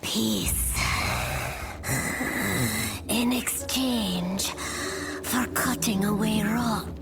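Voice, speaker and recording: Eerie forest witch for a fantasy game: solemn, incantatory, breathy creaking whisper, glacial pace. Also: medium pitch. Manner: slow, cryptic, incantatory, speaking as a collective we. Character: eerie many-eyed forest witch of the Fae, solemn, ancient. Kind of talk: fantasy video game voice acting. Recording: music under the voice. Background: music.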